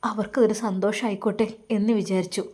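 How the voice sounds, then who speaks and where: Brief: woman doing a bedridden young man, quiet and evasive. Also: medium pitch, fairly even intonation, fast talker, husky, close to an everyday voice. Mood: subdued.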